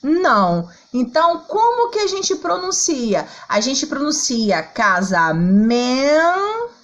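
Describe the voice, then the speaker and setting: Slow, lively Brazilian teacher woman. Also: high voice, rough recording. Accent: Brazilian Portuguese. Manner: slow, patient, sings out syllables to show stress; checks in often with "tá?" and "ó". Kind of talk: online lesson for schoolchildren.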